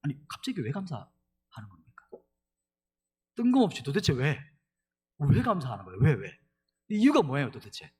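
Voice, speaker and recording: A middle-aged male pastor giving an animated sermon, leading the congregation in reading scripture aloud. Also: fairly high pitch, moderate pace, pauses often, husky.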